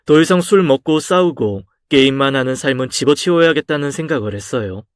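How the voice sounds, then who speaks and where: A man narrating a first-person life story in a calm, subdued, reflective way. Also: mid-range voice, a little fast, smooth, no room sound, studio quality.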